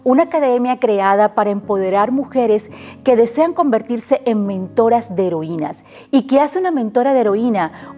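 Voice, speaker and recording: A woman giving a scripted promotional read for her academy in a clear, deliberate way. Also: on the high side, mellow. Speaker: academy founder in an ad.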